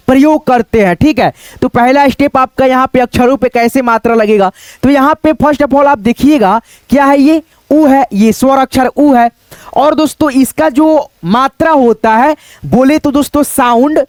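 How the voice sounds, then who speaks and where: A man's voice: extremely high pitch, clear, resonant tone, no room sound. A man teaching an online Hindi writing lesson, patiently explaining step by step and drawing out the vowel sounds.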